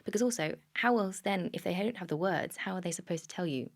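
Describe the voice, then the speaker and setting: A woman with a fairly low, noticeably creaky voice speaks as a speech therapist advising parents. She explains in a conversational way and illustrates her points with simple example phrases. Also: fast talker. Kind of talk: conversational expert advice for parents.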